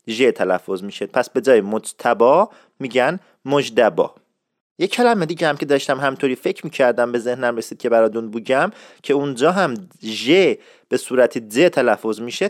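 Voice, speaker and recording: A man hosting a casual spoken lesson, explaining slowly and repeating words for practice, in a friendly, chatty way. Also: mid-range voice, no echo, studio quality. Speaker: podcast host teaching a dialect.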